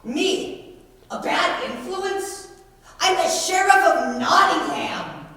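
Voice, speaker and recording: A woman's voice: extremely high pitch, animated, takes it slowly, pushed and bright, exaggerated voice. A teenage girl playing a pompous, indignant villainous sheriff in a school stage play, declaiming. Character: blustering, self-important Sheriff of Nottingham, indignant villain. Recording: distant, echoey stage recording with noise.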